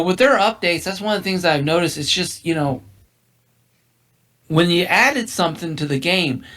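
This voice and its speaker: A man's voice: high-pitched, fairly bright tone. A man co-hosting a casual gaming podcast, losing his voice, rambling with many restarts. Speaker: podcast co-host.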